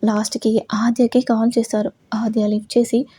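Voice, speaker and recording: A woman narrating a romance story in a steady storytelling reading. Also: fairly high pitch, moderate pace, breathy edge, no echo.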